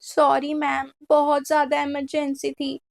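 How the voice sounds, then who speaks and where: A woman's voice: high-pitched, completely flat delivery, unhurried, gravelly. A woman voicing a timid schoolgirl who apologizes and cries in a comedy skit. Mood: apologetic. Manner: apologetic, tearful. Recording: faint music behind.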